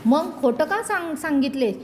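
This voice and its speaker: A woman voicing a village father who scolds his son loudly in a raised voice. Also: high-pitched, lively intonation, normal speed, a little hiss or hum, pitched above the performer's own voice. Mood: angry. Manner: raised, scolding, later softening. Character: angry, then gentle village father.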